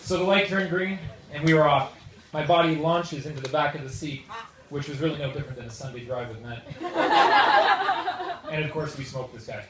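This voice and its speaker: A Canadian man giving a humorous best man wedding toast in an informal, joking, halting way. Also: on the high side. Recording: echoey noisy room, far from microphone. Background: loud audience noise and laughter.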